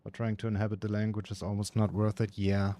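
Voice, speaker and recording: A man's voice: fairly low pitch, monotone, fast talker, warm tone. A man with a German accent giving casual, chatty commentary while gaming, saying "like" often and swearing freely. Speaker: streamer.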